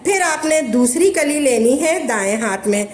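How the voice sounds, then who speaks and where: A woman with a high voice explains a devotional routine slowly and patiently, going over each step again and again. Her voice rings in an echoey room over a faint background ambience. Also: animated, a little hiss or hum. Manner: slow, repetitive, patient. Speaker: religious instructor. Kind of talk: step-by-step instructions for a devotional practice.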